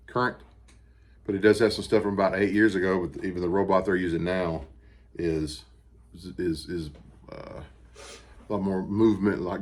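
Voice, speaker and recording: An American man with a deep voice talks casually to the camera in a personal update. His delivery is plain-spoken and unhurried, a little halting, with pauses as he gathers the next thought. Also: slightly rough. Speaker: vlogger recovering from surgery. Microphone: camera on a stand with ring light.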